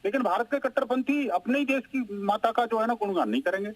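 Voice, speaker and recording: A high-pitched man argues his point on a televised panel. His talk is emphatic and insistent, and he cuts in on other speakers. He is heard over a remote line. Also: fast talker, rough recording. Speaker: panel guest. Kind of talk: heated TV debate.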